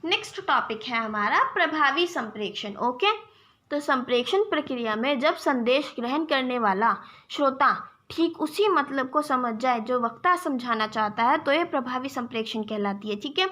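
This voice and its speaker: High bright-voiced woman teaching a lesson. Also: lively intonation, normal speed. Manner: explains step by step, keeps checking with "ठीक है"; addresses viewers as "friends", gives examples. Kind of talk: exam-prep lecture.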